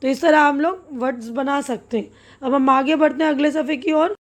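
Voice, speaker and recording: A woman teaching a lesson, spelling words out letter by letter and pausing often to check that her listeners follow. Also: high-pitched, fairly even intonation. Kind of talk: step-by-step classroom lesson.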